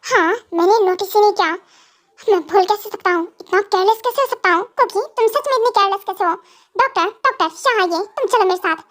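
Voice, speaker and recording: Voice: extremely high pitch, fast talker, fairly bright tone. A reader voicing a vengeful, possessive young male mafia boss in an amateur fan dub, talking in a brooding, threatening way. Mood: anxious bossy. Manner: brooding, threatening, then fussing.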